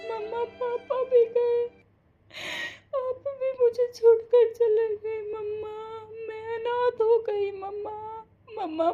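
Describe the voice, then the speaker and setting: A woman voicing a sobbing orphaned girl, very high. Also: narrow, tinny audio, heavily acted. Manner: sobbing, pleading, wailing. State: crying. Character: young grieving orphaned daughter, tearful. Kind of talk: Hindi cartoon voice acting.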